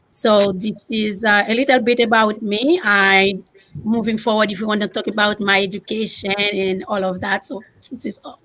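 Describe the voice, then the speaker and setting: A woman's voice: medium pitch, steady tone, fairly bright tone, no room sound, rough recording. Haitian-accented woman introducing herself, lots of uhs, dry sound. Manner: halting, with many fillers. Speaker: candidate. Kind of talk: self-introduction.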